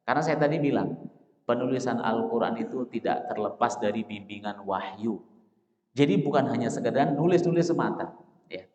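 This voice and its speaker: Male mosque lecturer, questions the room then answers himself, slow recited examples; roomy hall echo, dull lo-fi sound. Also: mid-range voice, a little mellow. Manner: asks the audience questions and answers them himself; addresses listeners as Pak, Bapak Ibu. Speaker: Islamic teacher. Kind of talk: dawn mosque study lecture.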